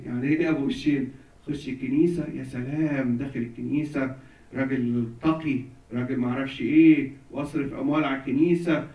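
A man from Egypt with an Egyptian Arabic accent, a priest preaching to a congregation, asking them questions, waiting for answers and joking. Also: on the high side. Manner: asks the congregation questions and waits for answers, jokes and laughs. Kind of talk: sermon to a congregation. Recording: echoey hall, distant mic, dull sound.

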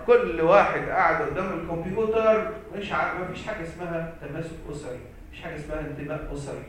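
Recorded at a distance in a hall full of echo, a man with an Egyptian Arabic accent preaches as a priest, stressing and repeating key phrases and responding to his own questions. His voice is a little high and fairly bright, with a touch of background noise.

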